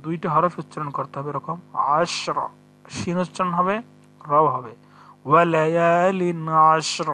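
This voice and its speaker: A man teaching Quran reading step by step, spelling out each letter and vowel mark before slowly chanting the verse. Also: on the high side, pushed and bright, soft background music. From Bangladesh. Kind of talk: step-by-step recitation lesson.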